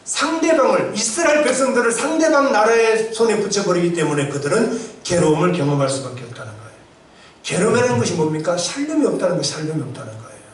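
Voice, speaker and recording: Male pastor, middle-aged, high lively voice, echoey church hall, distant mic. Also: fast talker. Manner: animated preaching with rhetorical questions and acted-out outbursts. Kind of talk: sermon. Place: church sanctuary.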